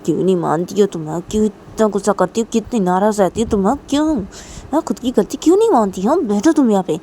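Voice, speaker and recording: Woman doing a young girlfriend pressing her partner, keeps going "haan?", mellow soft voice. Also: mid-range voice, animated, quick pace, slight background noise, lightly acted. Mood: reproachful. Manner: keeps asking "haan?" insistently. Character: young woman lover, pleading then quarrelsome.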